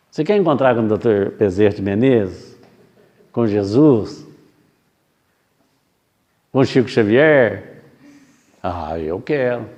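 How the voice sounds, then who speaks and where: In a spiritist center hall, a male lecturer delivers a spiritist sermon, reflective and slow, posing rhetorical questions and acting out brief dialogues. His mid-range voice is a little mellow.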